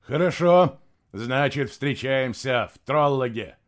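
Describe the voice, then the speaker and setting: A proud, stern warrior, as a man puts him on in an audiobook, giving orders with solemn weight. His lines carry a lively, commanding lift. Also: medium pitch, slow pace. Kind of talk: audiobook narration.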